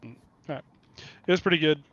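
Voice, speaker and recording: Male host, casual and profane, laughs easily; slightly high voice, muffled dry lo-fi recording. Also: fast talker, a bit bright. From Kansas City area, USA. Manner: profane, blunt, laughs a lot. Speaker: podcast host. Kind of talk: casual chat. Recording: dull lo-fi dry sound.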